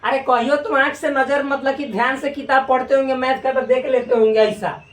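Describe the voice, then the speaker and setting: Joking teacher in an echoey room. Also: male voice, extremely high pitch, fairly even intonation, far from the mic. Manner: joking, colloquial, drawn-out repetitions. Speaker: maths teacher. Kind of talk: casual classroom lecture.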